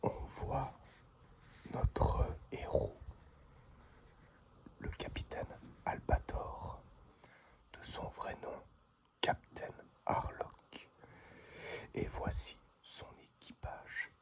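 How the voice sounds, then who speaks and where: A man presenting an unboxing in breathy, whispered ASMR, close as if right in your ear, in short halting phrases. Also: poor audio. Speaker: unboxing video host.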